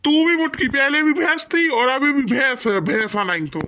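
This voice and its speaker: A woman's voice: high voice, very animated, moderate pace, bright, forceful tone, dull audio, exaggerated voice. A woman voicing a stubborn, teasing old village father-in-law in a cartoon comedy, bickering with his wife. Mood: mocking. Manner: mocking and bickering, later pleading.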